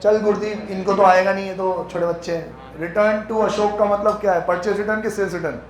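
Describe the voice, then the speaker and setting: A man teaching an accounts class, joking with his students and reading the questions out slowly. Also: high voice, steady tone. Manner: teasing, banters with students, reads questions slowly. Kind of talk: classroom lecture. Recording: echoey classroom.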